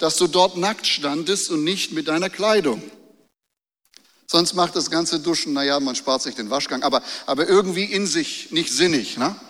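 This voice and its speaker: Male pastor, somewhat high voice, sermon delivery with rhetorical questions and repeated phrases; reverberant hall. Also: fairly bright tone. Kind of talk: sermon with Bible reading.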